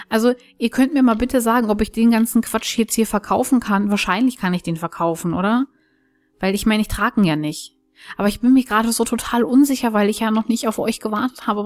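A woman giving chatty, enthusiastic commentary while playing a video game and thinking aloud. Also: a little high. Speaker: let's play host. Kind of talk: casual gameplay commentary.

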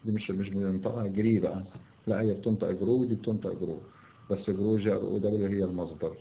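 A man with an Egyptian Arabic accent teaching an exam review, his voice fairly low and mellow. He reads the English sentences out slowly and explains each one in Arabic. He keeps asking the class questions and then answers them himself. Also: steady tone, creaky, rough recording.

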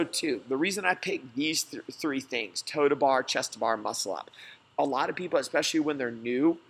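A man coaches through a slideshow lesson, explaining things plainly and reassuringly. His voice has a husky, slightly breathy edge. His pitch sits in an ordinary middle range. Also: a bit bright. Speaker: gym coach.

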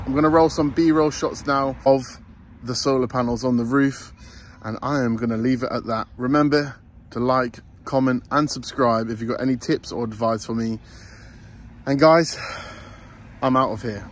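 A man's voice: medium pitch, normal speed. A man, vlogging to camera in a casual, chatty way, worn out and hot after a long day. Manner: chatty, tired but upbeat, addresses viewers as guys. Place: inside a van under conversion. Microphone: phone held close, selfie framing.

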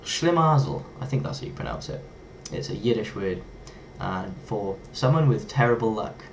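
Speaking at a normal speed in a voice on the low side, this young Englishman vlogs casually to his webcam from a small bedroom. He's playful and lively, having fun with foreign words, and there's slight background noise.

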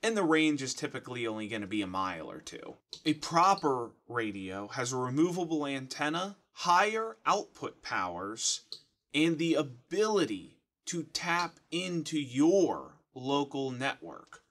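A man's voice: medium pitch, big pitch swings, a little slow, fairly bright tone. A man in his thirties with an American accent, giving a casual, plain-spoken explanation to camera as the host of a how-to channel. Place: small furnished room at home, indoors.

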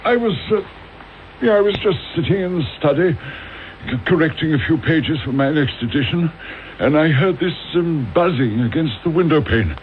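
A man's voice: a little high, animated, normal speed, lightly acted. Male actor as genteel, shaken English doctor, hesitant radio-drama delivery, slightly noisy dull recording. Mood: dazed, flustered. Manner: hesitant, flustered.

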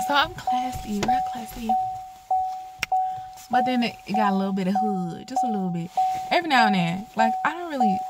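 A young woman with a Chicago accent, chatting casually to her phone camera from her car and repeating herself with quick laughs. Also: mid-range voice. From Chicago, USA. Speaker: vlogger. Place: inside a car, then arriving home.

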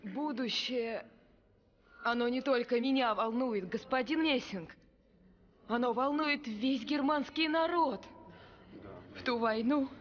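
Скорбную вдову, говорит медленно. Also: female voice, fairly high pitch, dull audio. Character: earnest grieving war widow questioning a seer. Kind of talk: Russian period TV drama acting.

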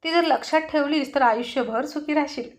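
A woman's voice: sits high, fairly quick, pitched above the performer's own voice, close to an everyday voice. A woman reading the lines of an easygoing, teasing middle-aged father in a storybook tale, giving affectionate, coaxing advice. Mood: fond.

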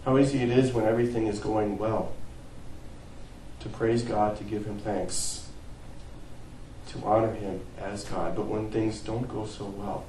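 A pastor preaching a sermon in earnest, swelling to emphatic peaks and sinking to quiet phrase ends. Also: male voice, fairly low pitch, roomy sound, far from the mic, a little hiss or hum, low-quality recording. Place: church sanctuary.

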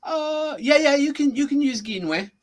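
A man teaching a language in a casual lesson, patiently repeating phrases slowly for his learner. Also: very high-pitched, lively intonation.

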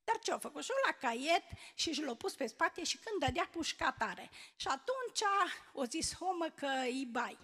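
A middle-aged woman gives an earnest church testimony, telling her story with many pauses and fillers. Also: sits high, very animated, fairly bright tone. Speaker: church member giving testimony. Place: church hall. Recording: long church hall reverb.

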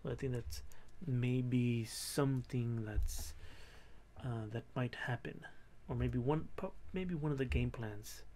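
A man in his thirties talking casually to camera in a quiet, low but clear voice, hesitantly thinking aloud as he goes. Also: slow pace, slight background noise. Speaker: host of a reaction and discussion video. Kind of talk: casual unscripted commentary to camera. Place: small bedroom in an apartment.

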